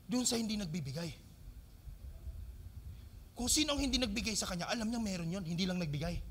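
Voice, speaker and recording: A Filipino man preaches a sermon in a high, bright voice. He keeps asking his congregation questions and mixes English phrases into his preaching. He swings between loud, emphatic lines and quiet, low asides. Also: slight background noise. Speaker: pastor.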